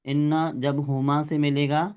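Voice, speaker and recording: A man's voice: a little high, flat delivery, a little slow, a little mellow, smooth. A male teacher giving a classroom grammar lesson, explaining step by step and quizzing his students.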